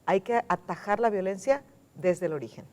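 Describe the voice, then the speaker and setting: A Mexican woman speaking as a guest on a studio panel, emphatic, repeating key words and slowing down to stress them. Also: medium pitch, darkish tone. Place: television studio.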